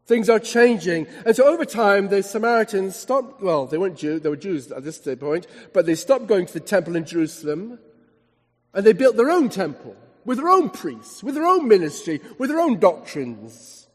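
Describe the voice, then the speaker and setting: Male preacher, high voice, dramatic storytelling sermon with hushed asides, long hall reverb. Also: sing-song, normal speed. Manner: dramatic storytelling, swinging between emphatic and hushed.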